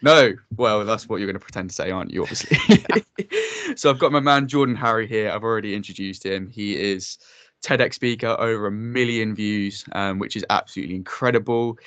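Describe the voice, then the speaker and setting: A man's voice: fairly low pitch, fairly even intonation, brisk, a bit bright, smooth, no room sound. A man hosting a casual podcast interview, upbeat and chatty, laughing often, with loose filler-heavy talk. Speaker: podcast host.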